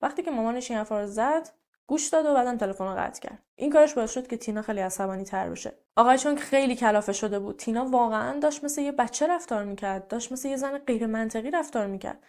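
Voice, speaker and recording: A woman's voice: fairly high pitch, darkish tone. Chatty woman telling a true crime story. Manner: chatty, with personal asides. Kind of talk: casual storytelling narration.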